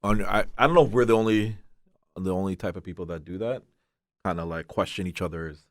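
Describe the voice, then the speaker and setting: A man hosting a casual podcast chat who poses questions and often agrees with "right, right". His voice sits a little low, and he restarts his sentences with fillers. The sound is dry and close to the mic. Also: brisk, no room sound. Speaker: podcast host leading the discussion. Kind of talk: casual group discussion.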